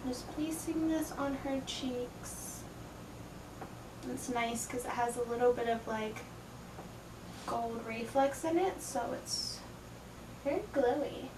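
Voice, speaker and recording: A woman's voice: a little high, takes it slowly, pauses often. A tipsy, playful woman giving a casual makeup tutorial, chatting loosely as she works. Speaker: makeup video host. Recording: distant, echoey, noisy room.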